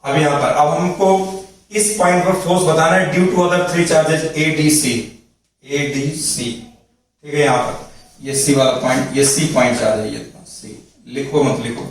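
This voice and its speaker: A man with a slightly high voice lectures on physics, walking through each step and asking if it is clear. He sounds far from the mic in a strongly echoing room with faint noise behind him. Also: fairly even intonation, unhurried. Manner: explains step by step, repeats points, asks checking questions. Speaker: physics teacher. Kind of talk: classroom lecture at a board.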